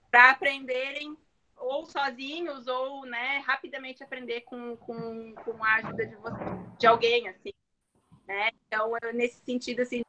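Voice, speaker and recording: A woman's voice: high-pitched, sharp tone, a little hiss or hum. A woman teacher giving earnest, encouraging advice to students in a panel talk, with hesitant restarts.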